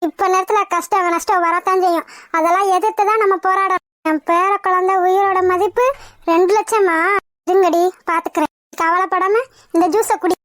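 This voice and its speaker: Brief: a forceful cartoon mother-in-law, very high pitched, dry close recording. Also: fairly even intonation, moderate pace, dry recording. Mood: soothing. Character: fierce protective middle-aged mother-in-law. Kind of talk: cartoon voice acting.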